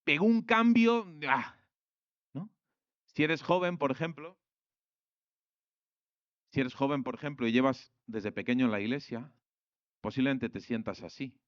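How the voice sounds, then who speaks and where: A young man from Spain preaching a sermon, colloquial and animated, acting out quoted voices. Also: medium pitch, unhurried, long pauses, dry recording, dull audio.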